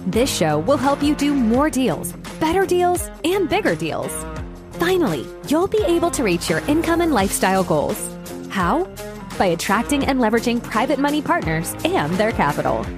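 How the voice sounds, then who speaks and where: A woman's voice: a little high, sing-song, moderate pace. A woman announcer reading a scripted show intro with punchy promotional delivery. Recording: voice over music. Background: music.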